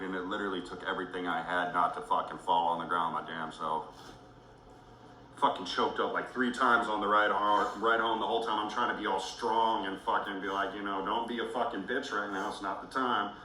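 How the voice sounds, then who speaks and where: A man's voice: sits low, fairly even intonation, brisk, bright, forceful tone, reverberant, a little hiss or hum, low-quality recording. A man ranting angrily on a livestream, swearing heavily, angry and emotional. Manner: heavy swearing, furious and emotional. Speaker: livestream host.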